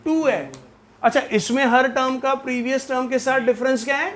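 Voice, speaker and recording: A man's voice: very high-pitched, normal speed, a bit bright, a little hiss or hum. A man teaching a maths class, teasing and joking with his students. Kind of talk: classroom lecture.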